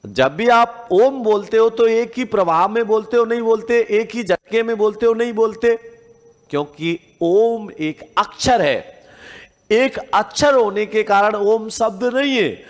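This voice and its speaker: A man with a high, slow voice teaches a grammar lesson, asking the class questions and answering them himself. He draws out sounds to show how they are said. His voice rings in a room with a long reverb. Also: animated. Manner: stretches and repeats sounds to demonstrate them.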